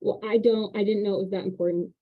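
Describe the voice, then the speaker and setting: A woman hosting a casual chat about renting, telling animated stories about parking. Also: medium pitch, fast. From Indiana. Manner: chatty, animated storytelling with laughs. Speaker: real estate agent and host. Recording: tinny phone-like line.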